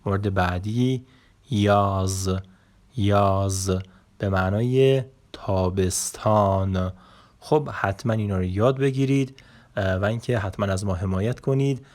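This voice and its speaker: Man, language teacher, slow repetitive drilling, lowish voice. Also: darkish tone. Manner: slow, repeating each word for learners. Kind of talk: Turkish vocabulary lesson.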